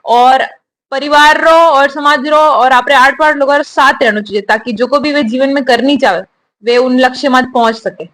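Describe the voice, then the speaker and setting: A young woman, a new army officer, giving steady, earnest answers in an interview. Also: high-pitched, normal speed. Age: young adult.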